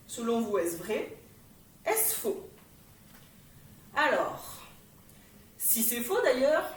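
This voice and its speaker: High-voiced woman leading a warm-up. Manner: encouraging, gives step-by-step cues while moving. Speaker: fitness instructor. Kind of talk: guided warm-up exercise class. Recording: echoey room, voice from a distance.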